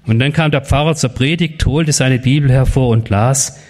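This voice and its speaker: A man's voice: mid-range voice, moderate pace, a little mellow. A man, a pastor, giving a confirmation sermon to teenagers. He tells a story and speaks the quoted voices in it, then puts questions straight to the young people. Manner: storytelling, quoting voices in the tale; addresses the teens directly with questions.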